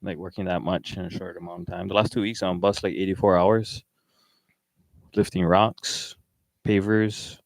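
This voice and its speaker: Deep-voiced laid-back island man. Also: level tone, moderate pace, gravelly, dry recording, poor audio. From Wai'anae, Hawaii. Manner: laid-back, laughs easily, stumbles and repeats words. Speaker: podcast host. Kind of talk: casual chat. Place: small studio room.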